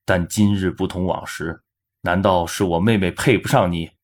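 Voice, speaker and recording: A man's voice: low-pitched, fairly even intonation, moderate pace. A man voicing a grave young elder brother and officer in a historical audio drama, speaking earnestly and firmly.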